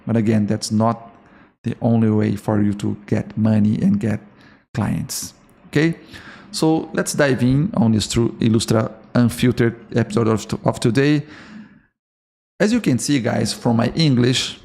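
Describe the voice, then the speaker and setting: Speaking at a measured pace, a man with a Brazilian Portuguese accent hosts his own podcast aimed at fellow artists. His mid-range voice is gravelly with fry and a darkish tone, and his earnest English, a second language, is full of restarted or repeated words and frequent "okay?" check-ins.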